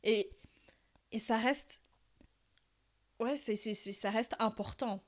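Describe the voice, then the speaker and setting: A woman co-hosting a podcast in casual chat, animated, with frequent laughs and restarts. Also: a little high, takes it slowly. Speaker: podcast co-host.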